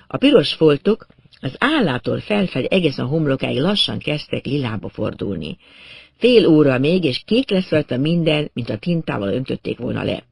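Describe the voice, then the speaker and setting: A man narrating a story aloud in an expressive, wry storytelling manner. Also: on the high side, gravelly, breathy edge, dry recording, studio quality. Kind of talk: audiobook reading of a crime novel.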